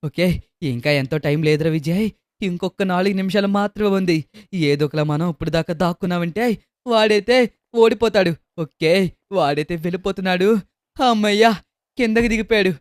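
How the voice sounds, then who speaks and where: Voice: mid-range voice, moderate pace, dry recording, clean studio sound, close to an everyday voice. A performer voicing a frightened cartoon boy who hides and begs for rescue in a game video. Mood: hushed. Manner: panicky, pleading.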